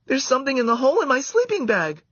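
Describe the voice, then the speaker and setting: A man voicing a shrill, excitable young girl at summer camp in a storybook reading. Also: measured pace, no room sound, heavily acted. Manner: shrill, squealing. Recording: dull lo-fi dry recording.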